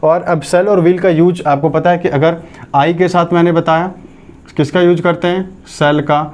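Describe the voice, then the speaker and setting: A man with a fairly high, darkish voice and fairly even intonation speaks at a measured pace. He's giving a classroom lecture on English grammar, explaining step by step, dictating sentences word by word, and asking if the class has got it.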